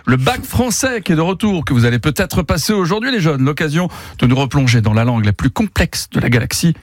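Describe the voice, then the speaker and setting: A man's voice: fairly high pitch, big pitch swings, fairly quick, dry recording, clean studio sound. Upbeat male morning radio host. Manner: upbeat, jokey banter. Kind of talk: live radio presenting.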